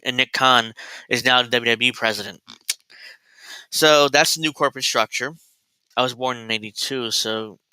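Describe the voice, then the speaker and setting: Recorded close and dry without any room reverb, a male host in his thirties talks on his casual commentary show. His medium-pitched voice comes across very bright and tense but smooth and crisp, and he wanders off topic, frequently starting sentences over.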